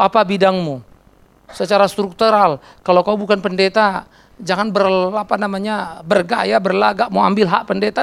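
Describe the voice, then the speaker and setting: A middle-aged pastor preaching a sermon in a blunt, teasing way, acting out little dialogues, with an Indonesian accent. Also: male voice, high voice, gravelly.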